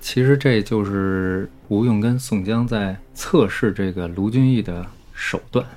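A man's voice: fairly low pitch, a little slow, darkish tone. Man chiming in on a story podcast. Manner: chatty, interjecting. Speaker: podcast co-host. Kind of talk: commentary on the story.

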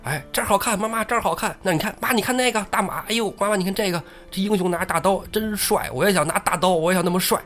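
A man's voice: high voice, fast talker, hardly any pauses, a bit bright, faint music behind, voice pushed up. A man voicing a restless seven-year-old boy in a told story, talking in a whiny, breathless way. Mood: excited. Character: lost crying little boy, seven, restless.

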